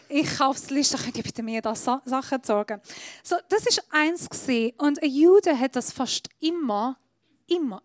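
A woman preaches to her congregation in German, her grammar loose as she explains things she holds up. Her voice sits a little high. The sound is dry and close, with no room echo. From Iran. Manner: non-native German with grammar slips, explaining with props. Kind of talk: sermon.

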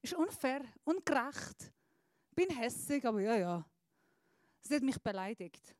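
A woman with a high, bright voice preaches a sermon, speaking slowly and deliberately with pauses. She swings from hushed, soft phrases to loud, emphatic appeals. The handheld microphone sounds close and dry. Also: very animated, no echo.

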